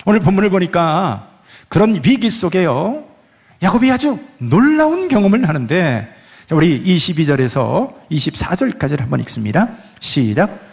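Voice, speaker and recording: A man's voice: high-pitched, sing-song, normal speed, vocal fry, darkish tone. A man preaching a sermon as a pastor, pressing the congregation with emphatic rhetorical questions.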